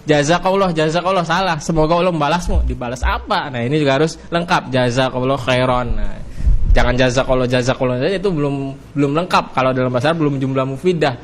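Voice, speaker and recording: Indonesian man drilling Arabic grammar. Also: a little hiss or hum. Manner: repetitive drilling, rising pitch on each cue then dropping on the answer; stretches out Arabic words slowly. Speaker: Arabic teacher. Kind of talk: classroom lesson.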